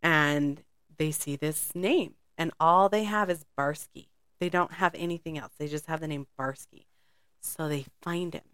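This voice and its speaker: A woman's voice: sits low, unhurried, fairly bright tone, smooth, no room sound, clean studio sound. A woman co-hosting a podcast, telling a spy story in a rambling, casual way and laughing often. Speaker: podcast co-host.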